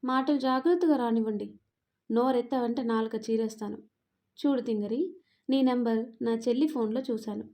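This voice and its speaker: A woman's voice: fairly high pitch, fairly even intonation, normal speed, mellow, natural voice. A woman reading the part of a domineering, possessive young man who scolds and threatens. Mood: menacing. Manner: commanding, scolding.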